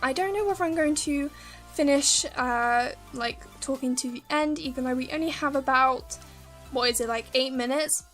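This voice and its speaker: This woman YouTuber sounds a little tired from talking as she chats through a voice-over Q&A, full of ums and false starts. Her high voice has a fairly bright tone and moves at an ordinary pace over soft background music.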